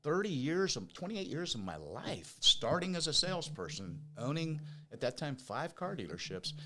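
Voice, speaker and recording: Slightly high and sing-song, this Oregon man's voice moves at a moderate pace, with a whistling s caused by new teeth. He's an American business owner, fifty or older, guesting on a podcast. He recounts his story in a chatty way, leaning on emphatic repetition and rhetorical questions.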